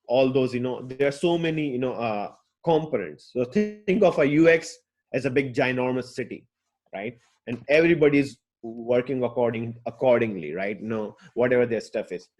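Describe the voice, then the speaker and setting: A man from Pakistan, for whom English is a fourth, later-learned language, speaks as a UX designer in a casual online talk that's chatty, rambling, and full of fillers and restarts. His voice is medium-pitched with a darkish tone.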